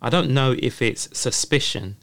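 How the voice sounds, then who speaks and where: A man's voice: medium pitch, lively intonation, moderate pace, vocal fry, a bit bright, dry recording. A man hosting a casual podcast chat, supportive and hesitant as he gathers his thoughts. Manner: supportive, frequent affirmations, hesitant. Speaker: host.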